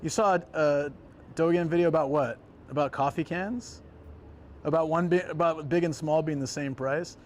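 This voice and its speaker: A man hosting a casual live stream, chatting to viewers in an animated, exclamatory way and repeating phrases for emphasis. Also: on the high side, moderate pace, slight background noise. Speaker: livestream host. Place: outdoors by street vending machines in a city.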